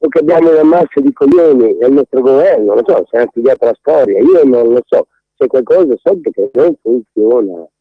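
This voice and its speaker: A man's voice: mid-range voice, expressive, brisk, husky, no room sound. A man calling in to a radio talk show over the phone, ranting bluntly and indignantly. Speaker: caller. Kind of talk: radio call-in. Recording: tinny phone line.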